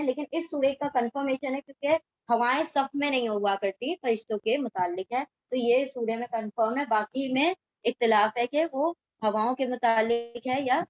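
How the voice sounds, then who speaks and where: A woman teaching a word-by-word Quran translation lesson, reciting verses slowly and then explaining them in everyday speech mixed with English words. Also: on the high side, no room sound, lo-fi sound.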